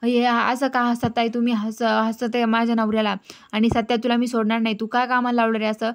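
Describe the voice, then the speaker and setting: A woman playing a quarrelsome loud aunt. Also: fairly high pitch, flat delivery, a little fast, clear, resonant tone, close to an everyday voice. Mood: indignant.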